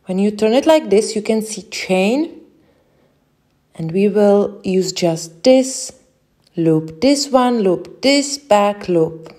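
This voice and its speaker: Young Czech woman, Czech accent, crochet tutor; mellow, unhurried delivery, halting between steps. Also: medium pitch, lively intonation. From Czech Republic. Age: young adult. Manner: slow, careful, with many hesitations. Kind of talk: step-by-step craft instruction.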